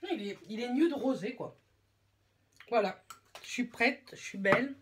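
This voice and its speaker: A beauty vlogger from France, young and female, does her makeup at home while chatting casually, rambling and self-mocking in slangy language. Her voice is on the high side, a little slow, and slightly rough.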